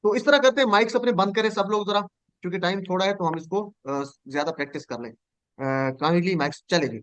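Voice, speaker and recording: A man teaching over a video call, his voice somewhat high and smooth, recorded dry and close. He says each word slowly and carefully, pausing so the students can say it back. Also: a bit bright. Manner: patient, repeats words slowly for students to echo. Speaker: Quranic Arabic teacher. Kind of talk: online class drilling verb forms.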